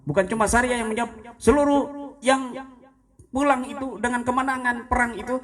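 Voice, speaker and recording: A man preaching a religious sermon to a congregation, playful and lively, acting out phone sounds and quoted voices. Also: very high voice, normal speed.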